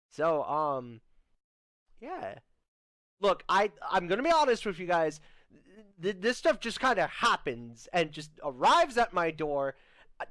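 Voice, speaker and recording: A young man hosts a comedy skit, speaking slowly in a clear, smooth voice. He stammers and restarts his sentences often. The sound is close and dry, with no room around it. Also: high voice, a bit bright, no room sound. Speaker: host. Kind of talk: comedic scripted podcast skit.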